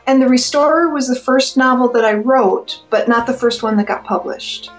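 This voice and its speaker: A woman chats in a friendly way as a podcast guest, her voice sitting a little high. Faint music plays in the background. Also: normal speed, low-quality recording. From Minnesota. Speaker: guest author. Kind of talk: casual interview chat.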